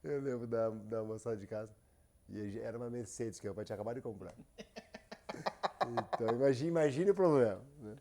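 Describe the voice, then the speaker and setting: A man from who runs a company, speaking as a podcast guest in a relaxed, halting way with many restarts. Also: mid-range voice. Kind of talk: casual interview.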